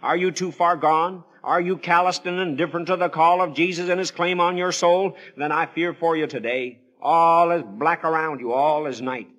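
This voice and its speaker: A radio preacher with a fairly high, steady, fairly bright voice tells Bible stories at a normal speed with few pauses. His delivery is solemn, pleading and theatrical, full of formal, old-fashioned scriptural phrasing, a dramatic evangelistic sermon in story form.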